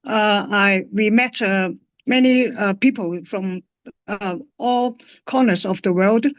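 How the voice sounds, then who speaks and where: Halting Hong Kong-accented woman. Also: mid-range voice, dry recording, dull audio. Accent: Hong Kong English. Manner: halting, many fillers and restarts. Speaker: guest linguist. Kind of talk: casual interview.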